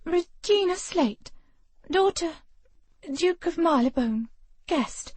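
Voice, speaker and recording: A woman's voice: very high-pitched, animated, slow, a little mellow, no room sound, pitched above the performer's own voice, full character voice. Woman doing a gasping, defiant young woman. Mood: breathless. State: out of breath. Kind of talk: audiobook dialogue.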